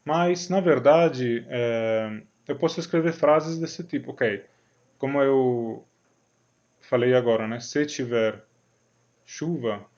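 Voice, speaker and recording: A man's voice: medium pitch, slow, a little mellow, dull audio. A man from Italy with an Italian accent, giving a recorded university logic lecture in a hesitant way, with many fillers and frequent checks on the listener.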